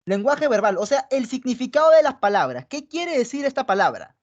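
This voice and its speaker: Speaking briskly in a high, very animated voice, this Peruvian-accented woman leads an online pre-university psychology lesson. She walks through the material step by step, stopping after almost every point to check on her students, over dull lo-fi audio.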